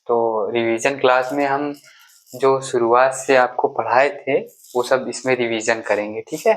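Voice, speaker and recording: A man's voice: medium pitch, fairly even intonation, rough recording. Patient man teaching children math. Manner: patient, repeats "ठीक है" and "देखिए" often; counts slowly on fingers. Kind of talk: classroom lesson for children.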